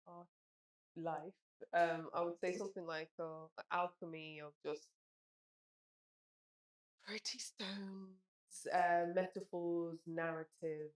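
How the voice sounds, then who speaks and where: Lowish woman's voice, echoey room, hesitant, lots of likes and ums. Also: level tone, takes it slowly, pauses often. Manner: hesitant, searching for words, many likes and ums. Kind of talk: casual interview talk. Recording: roomy echo.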